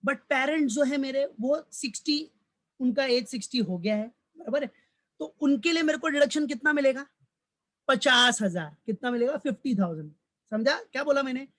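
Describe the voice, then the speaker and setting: Here a male commerce lecturer, with a very high and slightly bright voice at a moderate pace, teaches tax in a recorded class that mixes Hindi with English. He treats the students like a father would, calling them "beta," repeating points and asking questions only to answer them himself.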